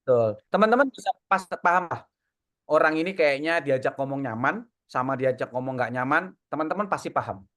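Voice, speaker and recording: A man, coaching an audience in a casual online Q&A and telling lively stories. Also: mid-range voice, brisk. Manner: lively, encouraging, tells stories with acted quotes. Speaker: coach answering audience questions. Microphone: video call.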